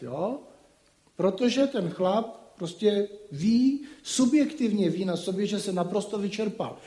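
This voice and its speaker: A man's voice: sits high, mellow. A man giving a casual spoken lecture, talking colloquially with frequent rhetorical asides. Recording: roomy echo.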